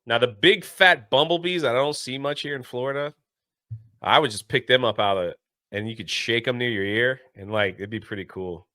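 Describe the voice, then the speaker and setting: An easygoing man chatting on a podcast, laughing often as he talks. His voice is bright and a little sharp, and it sounds dry and close to the mic. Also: mid-range voice, normal speed, dry recording. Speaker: podcast co-host. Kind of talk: casual chat.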